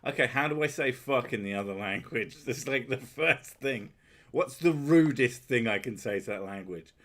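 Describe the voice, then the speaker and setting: Chatting casually with his partner during a stream, this male host has a medium-pitched, animated voice and a moderate pace. He's sweary and self-mocking, breaking into loud laughter. He uses headphones and a desk mic.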